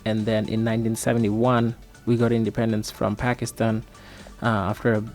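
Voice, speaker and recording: A man from Bangladesh, a radio guest explaining at a measured pace with many fillers. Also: lowish voice, monotone, darkish tone, faint music behind. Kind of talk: casual explanation.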